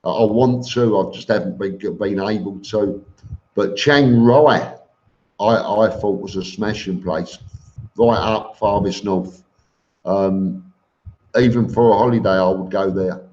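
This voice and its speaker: A man's voice: fairly low pitch, measured pace, a little mellow. A man hosting a casual live stream, reading out comments and answering them in an informal, blunt, matey way. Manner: informal and blunt, calls listeners mate. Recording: dull lo-fi live stream audio.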